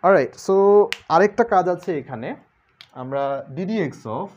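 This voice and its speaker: A man's voice: high-pitched, lively intonation, normal speed, a little hiss or hum. Young man teaching calculus, lo-fi. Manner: chatty, mixes English words, jokes with students. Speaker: math tutor. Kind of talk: online calculus class. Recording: dull lo-fi sound.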